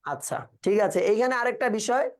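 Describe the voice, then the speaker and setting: A man runs an exam-prep class in a relaxed, colloquial way. He fires questions at his students and echoes their answers back as he goes. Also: extremely high pitch, fast talker. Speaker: teacher.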